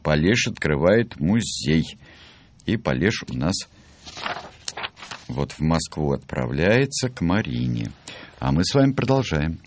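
A man reading a children's book aloud in an animated way, acting out the voices. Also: very deep voice, a little slow, pauses often, a little hiss or hum. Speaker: storyteller.

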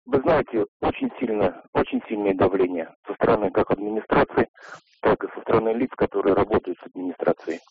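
A man calls into a radio phone-in from a payphone, and his voice comes through muffled and dry. He speaks low and gravelly, with a husky edge. His pitch moves a lot as he makes his points briefly and directly. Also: big pitch swings, brisk, no echo, faint music behind. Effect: voice over a payphone line.

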